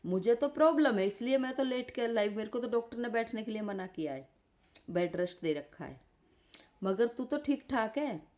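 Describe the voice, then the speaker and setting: Woman, angry roast rant, abusive scolding, mellow low-toned voice, lying in bed. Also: expressive, moderate pace. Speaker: live streamer.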